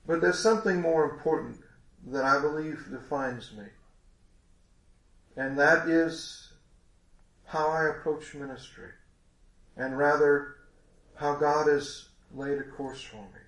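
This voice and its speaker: A man's voice: on the high side, steady tone, slow pace, pauses often, fairly bright tone, roomy sound. A congested man preaching a sermon in a folksy, rambling way with many restarts.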